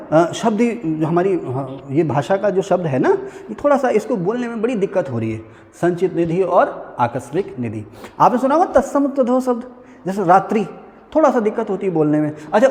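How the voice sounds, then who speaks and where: A chatty male teacher lecturing a class, his voice pitched high and swinging widely up and down. He keeps checking in with his students through little asides, and a long reverb trails off his words. He sounds like he is in a lecture room. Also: very animated, fairly quick, a little mellow. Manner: chatty, addresses students as beta, frequent "hai na" asides. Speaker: civil services teacher.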